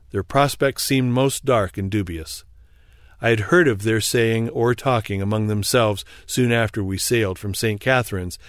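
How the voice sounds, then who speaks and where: A man calmly reading an old first-person sea memoir aloud in a measured, formal manner. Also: mid-range voice, clear, resonant tone, no room sound, studio quality. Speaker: audiobook reader. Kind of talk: scripted narration of a memoir.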